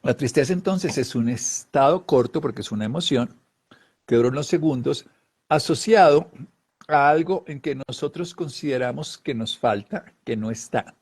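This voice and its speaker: At a moderate pace, a man delivers an explanatory talk on emotions as a wellness speaker, his medium-pitched voice husky and a bit mellow. He sometimes laughs while acting out small voiced examples.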